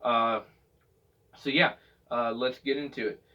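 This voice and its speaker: A vocal technique instructor teaches loosely and casually in a mid-pitched voice, his tone steady, bright, and forceful, his pace measured. He rambles slightly, pausing and going back over his words. The dull recording places him some distance from the microphone.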